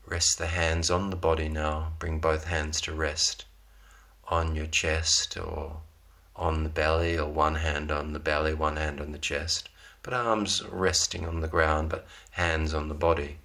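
A man gently guiding a yoga class through a slow, calm relaxation with long pauses. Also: very deep voice. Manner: slow, soft, unhurried guidance with long pauses. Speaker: yoga teacher.

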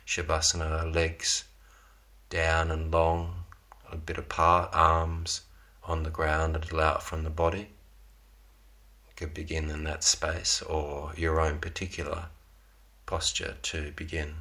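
A man leads a yoga practice in a soft, unhurried way, leaving long pauses between phrases. His voice sits very low and stays flat and even, with a bright, clear edge to the tone. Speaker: yoga teacher. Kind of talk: guided yoga relaxation.

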